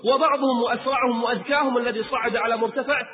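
A man's voice: very high voice, fairly even intonation, racing. A man preaching a sermon, telling the story with feeling, calling out to his listeners and chanting verses. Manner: emotional storytelling, addresses the audience, chants verses melodically. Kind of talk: recorded sermon lecture. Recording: tinny lo-fi sound with long hall reverb.

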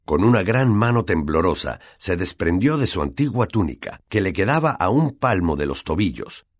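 A man with a Latin American accent, reading an audiobook as an expressive storyteller. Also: low-pitched, moderate pace, no echo, studio quality. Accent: Latin American Spanish. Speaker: audiobook narrator. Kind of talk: scripted narration.

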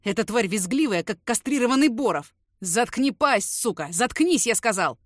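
A hot-headed young man yells and swears, played by a woman. His voice is loud and strained upward. The sound is close and dry. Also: on the high side, animated, moderate pace, dry recording. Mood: furious. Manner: shouting, cursing.

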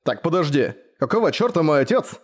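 A man's voice: on the high side, sing-song, fairly quick, slightly rough. A man voicing a flustered young male adventurer in a fantasy audiobook, asking agitated, pleading questions.

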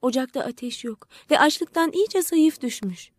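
A woman voicing a gentle, selfless male prince statue in an audiobook, speaking softly and imploringly. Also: high voice, expressive, moderate pace, dry recording. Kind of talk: audiobook character voice.

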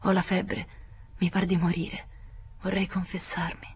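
A woman reading the part of a feverish, guilt-ridden young man in a hushed, pleading voice. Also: lowish voice, level tone, unhurried, dull audio, a little hiss or hum. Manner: hushed, pleading, near-whispered.

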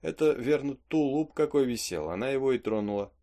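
A man's voice: medium pitch, expressive, fairly quick, dark tone, lightly acted. A man reading aloud as a skeptical country landowner who speaks in a dry, dismissive way. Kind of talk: audiobook reading of a play.

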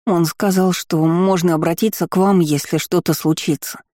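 A man's voice: on the high side, fairly even intonation, moderate pace, darkish tone, dry recording, clean studio sound, lightly acted. A man doing a crying frightened little boy. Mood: tearful. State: crying, sniffling.

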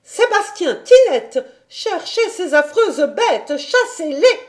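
A woman reading an audiobook voices a stern, indignant governess who scolds a child and raises her voice to shouts. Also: extremely high pitch, sing-song, slow pace, voice pushed up, heavily acted. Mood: furious shrill.

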